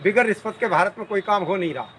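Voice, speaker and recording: High, bright-voiced older man complaining. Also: animated, fast talker, slight background noise. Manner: insistent complaining, rhetorical questions. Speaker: interviewee. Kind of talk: street interview.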